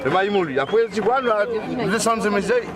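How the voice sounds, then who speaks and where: A man's voice: high voice, fast talker. A man at an outdoor market explaining corn products to visitors, quizzing them as he goes. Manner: lively, quizzing the listener. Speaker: corn mill vendor. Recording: loud crowd behind.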